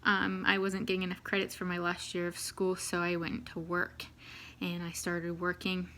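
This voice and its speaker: Kiwi woman rambling thru her life story, bright voice, kinda flat, lots of ums. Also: lowish voice, moderate pace. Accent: New Zealand. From New Zealand. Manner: chatty, laughs easily, many ums. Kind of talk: casual personal story to camera.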